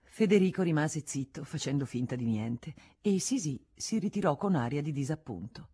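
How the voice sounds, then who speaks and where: A woman reading a classic novel aloud in a measured, expressive way. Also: low-pitched, slightly rough. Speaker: audiobook reader. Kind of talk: literary audiobook narration.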